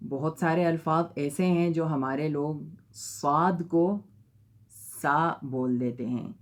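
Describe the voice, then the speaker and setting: A man with a fairly high voice leads an Arabic pronunciation lesson, drawing out each model sound. He keeps checking in with his learners by asking "theek hai?"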